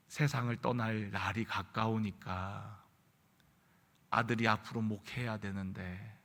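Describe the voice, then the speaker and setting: A male pastor at a midweek service, his voice of ordinary middle pitch. He tells a story with earnest sermon delivery, pushing up to emphatic peaks. The sound rings with the long reverb of a church sanctuary. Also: gravelly, a bit bright.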